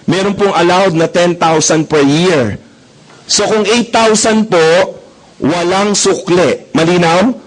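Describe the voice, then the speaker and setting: A man's voice: sits high, slow pace, rough recording. A young man giving a joking sales presentation to a live audience, telling stories and asking the crowd questions. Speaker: marketing presenter.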